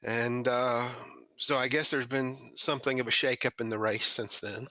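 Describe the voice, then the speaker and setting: A man hosting a podcast, his voice bright and forceful with a mocking, sardonic edge. He talks into a close mic in a dry room with no echo. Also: medium pitch, fairly even intonation, moderate pace. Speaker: podcast host. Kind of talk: scripted monologue then casual chat.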